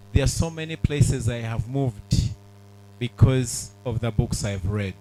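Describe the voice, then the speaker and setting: A middle-aged man, giving an earnest, measured public speech at a book launch, with pauses and fillers. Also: medium pitch, dark tone, a little hiss or hum, low-quality recording. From Uganda.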